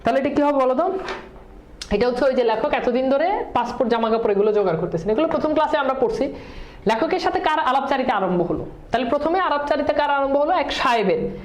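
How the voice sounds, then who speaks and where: In a roomy-sounding space, this female teacher speaks high-pitched with lively intonation. She drills her exam-prep class through quick back-and-forth questions, sprinkling in English words.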